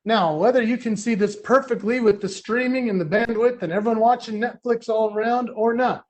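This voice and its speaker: A man giving a playful, energetic motivational keynote full of personal stories. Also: very high-pitched, brisk. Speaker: keynote speaker.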